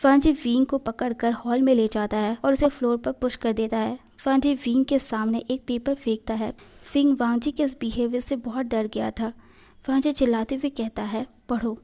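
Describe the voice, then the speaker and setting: A woman reading fan fiction aloud as a storyteller in a steady voice. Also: on the high side, normal speed.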